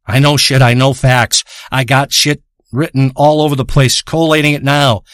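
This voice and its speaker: A man telling a crude, rambling comic story with deadpan tangents and heavy profanity. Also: mid-range voice, normal speed, dry recording, studio quality. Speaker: comedic storyteller.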